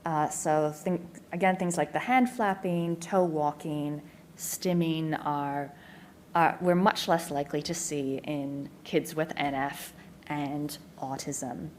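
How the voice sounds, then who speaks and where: An Australian woman giving a clear, informative conference presentation as a neuropsychologist, with frequent ums. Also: low-pitched, fairly even intonation, slow, darkish tone, a little hiss or hum. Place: community information day presentation.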